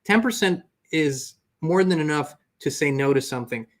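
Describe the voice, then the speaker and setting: A man's voice: fairly high pitch, animated, normal speed, a bit bright. A man hosting an earnest, reflective spiritual motivational talk. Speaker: host.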